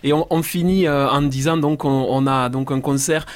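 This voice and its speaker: A man of middle pitch speaks for a guest band on local radio. He is earnest and thankful, and promotes the group's upcoming show. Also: steady tone, normal speed. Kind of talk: casual radio chat.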